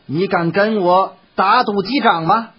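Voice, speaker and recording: A storyteller voicing a swaggering, harsh rich man with a gruff, blustering manner, in a dull lo-fi recording. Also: medium pitch, unhurried.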